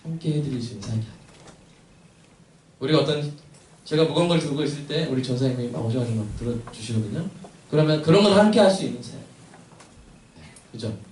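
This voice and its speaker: A man's voice: mid-range voice, lively intonation, fast talker, long pauses, darkish tone. A man who is a senior pastor, giving a conversational Sunday sermon and prayer in a church sanctuary and often putting questions to the congregation. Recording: echoey hall, mic at a distance, faint hiss.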